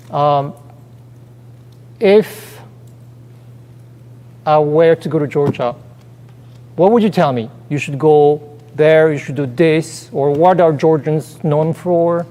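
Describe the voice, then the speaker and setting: A fairly high-pitched man with a dark tone co-hosts a relaxed chat show from a theater stage. He hesitates, restarts and uses lots of fillers, and the recording carries the long echo of the theater hall.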